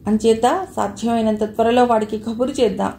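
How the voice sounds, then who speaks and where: Woman narrator doing a proud confident big sister, higher mellow voice, echoey room. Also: fairly even intonation, normal speed, slight background noise, natural voice. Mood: proud, sure. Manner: confident and boastful. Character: proud loving elder sister, a married woman.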